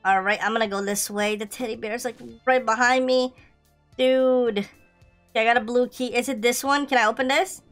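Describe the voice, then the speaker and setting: A woman streaming a horror game, playfully scared and excitable, slangy, repeating her phrases as she comments on the play. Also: a little high, moderate pace, soft background music. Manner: scared horror game streamer, shrieking and pleading in mock fright.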